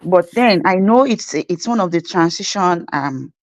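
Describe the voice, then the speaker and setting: A woman's voice: lowish voice, a little slow, dry recording. A woman with a Nigerian accent, a nurse telling her story in an interview, acting out the exchanges she describes. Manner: animated storytelling, acts out quoted exchanges. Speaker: guest nurse. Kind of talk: conversational interview.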